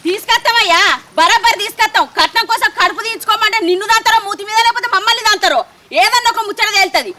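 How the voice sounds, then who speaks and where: Woman doing a telangana village mum, high bright voice, talks quick and angry, protective of her girl. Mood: indignant. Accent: Telangana Telugu. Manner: lamenting, indignant village speech. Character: rural mother, grieved and fiercely protective. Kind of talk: village short film acting.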